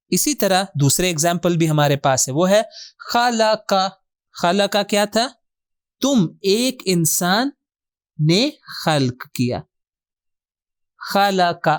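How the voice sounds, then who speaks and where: A man's voice: high-pitched, no room sound, clean studio sound. A man teaching a word-by-word Quran grammar lesson, posing questions to his students and answering them himself, with English terms mixed into his explanations.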